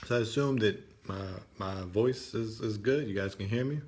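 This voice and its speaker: A man's voice: fairly low pitch, normal speed, a little mellow, a little hiss or hum. A man hosting a live stream in a casual, conversational way, still in his morning voice and often checking in with listeners with "right?".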